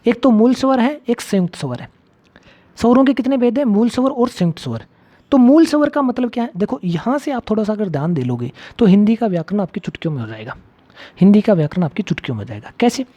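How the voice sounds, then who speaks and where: Speaking fast in a high, sing-song voice with a dark tone, a man runs a grammar lecture for exam students. He constantly asks the class questions and hammers home his key points. The audio is lo-fi and a bit dull.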